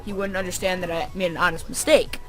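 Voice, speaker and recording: A woman's voice: lowish voice, steady tone, fast, faint music behind. A young woman vlogger telling a story casually to camera, full of "um" and "like" fillers, with dry sarcastic asides.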